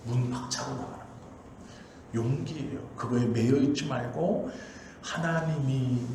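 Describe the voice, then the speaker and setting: A man's voice: medium pitch, unhurried, background noise. A male pastor preaching a Sunday sermon with emphatic, repetitive exhortation into a pulpit microphone. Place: church sanctuary. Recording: very echoey church hall.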